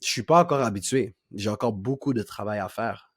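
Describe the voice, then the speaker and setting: A man's voice: lowish voice, slightly rough, no room sound. Slangy Québécois man coaching, dry close sound. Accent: Québécois French. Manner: animated, slangy, demonstrates voices and pauses. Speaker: self-improvement coach. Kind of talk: talking-head tutorial.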